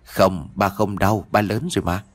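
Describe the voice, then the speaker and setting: A man's voice: sits low, steady tone, unhurried. A man voicing an injured, grief-stricken young husband in an audio story, distraught and self-blaming.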